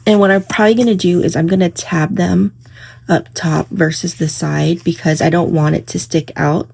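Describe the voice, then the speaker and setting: A woman vlogging casually about her planner from home, her voice hoarse in the morning, rambling with many fillers. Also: fairly low pitch, fairly even intonation, normal speed, a little mellow. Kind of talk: casual crafting vlog. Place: home, indoors.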